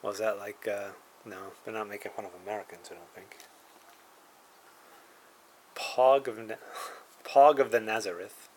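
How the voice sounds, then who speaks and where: A man's voice: lowish voice, unhurried, long pauses, a little hiss or hum, low-quality recording. A man casually reviewing a card game, reading card names aloud with dry asides and chuckles.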